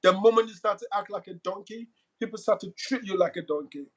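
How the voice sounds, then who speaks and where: His voice runs high for a man, and he talks fairly quickly in a candid interview. A middle-aged speaker with a West African accent, he is emphatic and keeps repeating words whenever he pushes a point.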